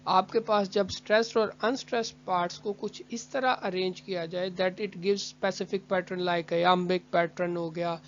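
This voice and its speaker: A literature teacher giving a lecture, reading English lines slowly and explaining quickly in between, with careful, repetitive phrasing. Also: mid-range voice. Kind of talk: classroom-style lecture. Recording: dull lo-fi audio.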